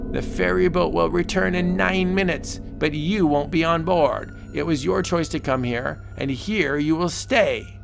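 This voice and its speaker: A man's voice: on the high side, measured pace, vocal fry, few pauses, over music, pitched above the performer's own voice. A man voicing a stern, menacing spirit official with a barking, theatrical manner, in a vintage horror comic book narration.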